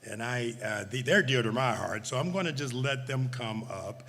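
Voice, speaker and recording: A man's voice: medium pitch, moderate pace, fairly bright tone. A middle-aged man hosting a graduation ceremony, speaking casually with stammers, restarts and laughing asides. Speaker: ceremony host. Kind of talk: ceremony remarks. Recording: reverberant hall, faint noise.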